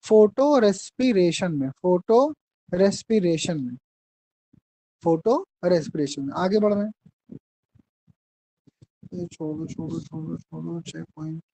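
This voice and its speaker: Slow-dictating teacher, man. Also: high voice, animated, gravelly, mellow, a little hiss or hum, low-quality recording. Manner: slow dictation, repeats phrases, addresses students as bhaiya. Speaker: biology teacher. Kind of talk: dictating class notes.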